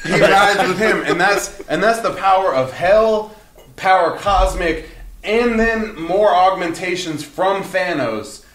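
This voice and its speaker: A man's voice: sits high, slow, a little hiss or hum. A man in casual podcast chat, retelling comic plots with slangy acted-out voices. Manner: animated storyteller, acts out scenes with slangy voices.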